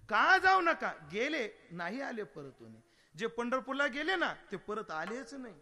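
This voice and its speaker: A man preaching a devotional kirtan sermon, animated and humorous, asking rhetorical questions and breaking into sung verses. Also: very high voice, measured pace.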